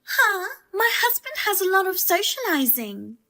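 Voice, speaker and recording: A pushy sister-in-law with a high, piercing voice, as a woman puts her on. She talks in a sharp, demanding and insulting way. This is a narrated storybook drama. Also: big pitch swings, a little slow, heavily acted. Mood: scornful.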